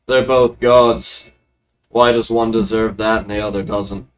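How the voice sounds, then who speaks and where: A man's voice: lowish voice, fairly even intonation, unhurried, smooth. A man playing a tabletop game, speaking in short, terse phrases as he role-plays casually. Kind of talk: casual in-character role-play.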